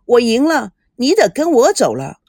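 An easygoing young man jokes and reassures in a relaxed manner, as a woman narrator puts him on. The voice is lively and sits fairly high. The sound is dry and close. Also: normal speed, no echo, full character voice.

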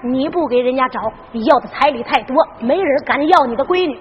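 A woman's voice: high voice, slightly rough, long reverb tail, highs cut off, voice pushed down. A woman doing a blustering, foolish young son. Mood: coaxing. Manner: coaxing then threatening, drawn-out. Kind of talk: Henan zhuizi ballad-story performance.

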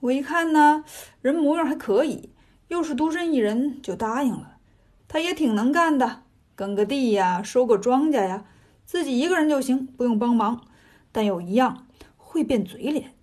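A woman tells a classic folk tale in a lively, homely way, full of colloquial turns. Her voice sits high for a woman. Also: normal speed. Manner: lively, folksy colloquial telling. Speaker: storyteller. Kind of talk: storybook narration.

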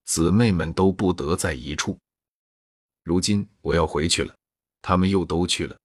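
Young maid, gentle but sharp-tongued, read by a man, low and husky. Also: normal speed, no room sound, clean studio sound. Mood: reproachful.

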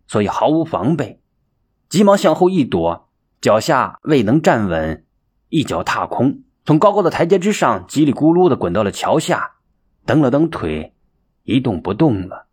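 A man narrating a folk tale as an expressive, dramatic storyteller. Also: medium pitch, normal speed, slightly rough. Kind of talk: audiobook storytelling.

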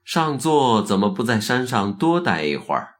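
A man's voice: mid-range voice, big pitch swings, moderate pace, voice pushed up, close to an everyday voice. A man voicing a blunt young Zen disciple. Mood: direct. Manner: plain-spoken, direct.

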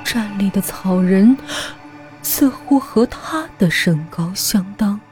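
A woman narrating a horror story in a hushed voice that often drops to a half-whisper. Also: medium pitch, lively intonation, slow, faint music behind.

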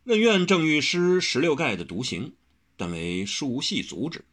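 A man reads a novel aloud in a storyteller's manner, his voice husky and a little breathy. His pitch rises and falls dramatically, giving the narration lots of movement. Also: wildly swooping pitch, moderate pace, fairly bright tone. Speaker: audiobook narrator. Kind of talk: novel reading.

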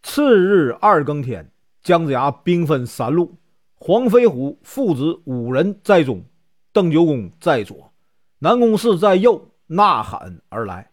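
Man, Northeastern Mandarin accent, storyteller, very lively pitch, fairly high voice. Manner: lively, drawn-out particles. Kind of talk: traditional storytelling narration.

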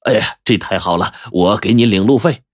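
A storyteller voicing a grim dark-faced hired thug who speaks low and cold. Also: male voice, a little fast, no echo, studio quality, close to an everyday voice. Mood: false friendly.

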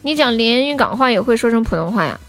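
A woman's voice: a little high, lively intonation, fast talker, a bit bright, faint music behind. A playful young woman from Sichuan chatting on a livestream while gaming, giggling and letting out yelps and shrieks. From Sichuan, China.

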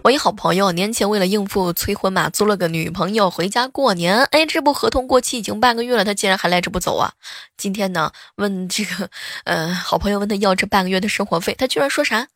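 A woman's voice: mid-range voice, fast, a bit bright, dry recording. A woman host telling playful, chatty funny anecdotes. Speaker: radio-style host. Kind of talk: humorous anecdote storytelling.

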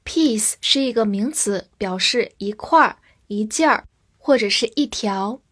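This is a woman giving a scripted vocabulary lesson. Her voice sits slightly high, and she speaks at a slow, patient pace. She spells each word out letter by letter, carefully and clearly. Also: a bit bright. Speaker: English vocabulary teacher.

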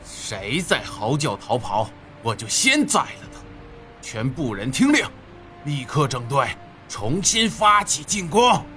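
A man's voice: medium pitch, big pitch swings, takes it slowly, bright, forceful tone, soft background music, full character voice. An actor playing a cold, menacing male demon army commander in an audio drama, barking harsh orders.

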